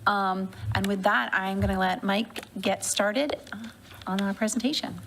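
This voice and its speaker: Woman, administrator, gravelly, friendly meeting remarks, slight background noise. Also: mid-range voice, steady tone, measured pace. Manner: friendly, uses "um" often. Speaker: school district administrator.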